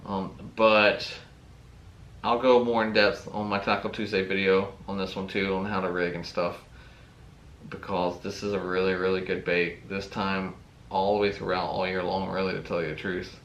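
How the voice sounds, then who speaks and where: A man's voice: deep voice, little pitch movement, normal speed, a bit bright, reverberant, a little hiss or hum. A man hosting a fishing channel, casually unboxing tackle and talking with enthusiasm, often saying "really, really.".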